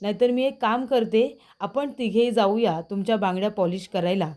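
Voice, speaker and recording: A woman voicing a sharp, protective young woman who confronts a thief in the family. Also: medium pitch, steady tone, moderate pace, close to an everyday voice. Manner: sharp, accusing.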